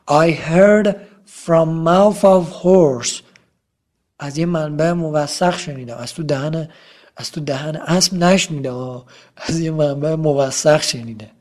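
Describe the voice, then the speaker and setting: A man teaching English phrases in a casual lesson, saying each phrase slowly and clearly, then explaining it quickly and softly. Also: fairly high pitch. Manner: acts out little dialogues in different moods.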